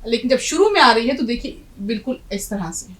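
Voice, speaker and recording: A woman's voice: a little high, very animated, fairly bright tone, slight background noise, low-quality recording. A middle-aged woman teaching a language lesson, patiently explaining letters and quizzing her students. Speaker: Urdu teacher.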